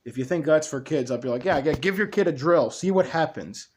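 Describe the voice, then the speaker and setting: This young man, host of a channel about customizing toys, chats briskly and expressively in a fairly high, slightly mellow voice as he presents a hobby project. He's offhand, rambling, and quick to put himself down, recorded at home with clear noise.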